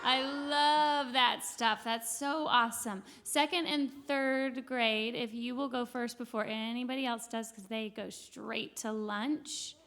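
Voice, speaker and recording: Bright high-voiced woman leading students. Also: steady tone, slow, hardly any pauses, slight background noise. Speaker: school staff member. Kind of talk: addressing schoolchildren.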